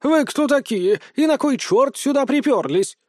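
A paranoid farmyard hen shrieks orders in a high, piercing voice, as a male narrator puts her on. She is bossy and suspicious of everyone, and her voice sits far above the reader's own. The audiobook sound is close and dry. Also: lively intonation, normal speed, darkish tone, no room sound. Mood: indignant. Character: shrill paranoid female hen guard. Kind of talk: audiobook character voice.

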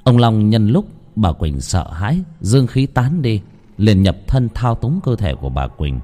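A man narrating a horror story in an expressive, dramatic reading. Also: lowish voice, unhurried.

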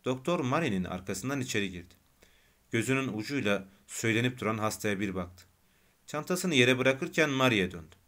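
A man narrating an audiobook of a novel in a calm, measured reading. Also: mid-range voice. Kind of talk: scripted narration.

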